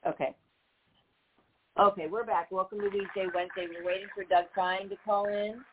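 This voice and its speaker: A man's voice: high voice, flat delivery, normal speed. A man hosting a live radio show on speakerphone, sounding flustered while he works through the connection. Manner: flustered, troubleshooting the line. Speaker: radio show host calling in. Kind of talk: casual live radio chat. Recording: tinny phone line with hiss.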